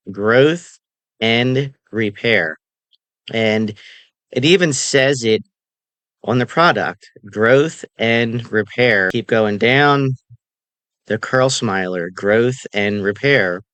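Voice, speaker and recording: A man doing casual commentary, reading text from a screen slowly and deliberately with a sarcastic edge. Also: on the low side, fairly bright tone, no echo. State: talking with candy in mouth. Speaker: commentary vlogger.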